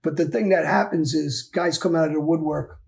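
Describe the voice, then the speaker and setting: A man tells his own story in a candid sit-down interview, speaking bluntly and with emphasis. His voice is deeply gravelly and pitched a little high, and he keeps circling back over his own phrases. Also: fairly even intonation, brisk. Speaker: former mob enforcer guest.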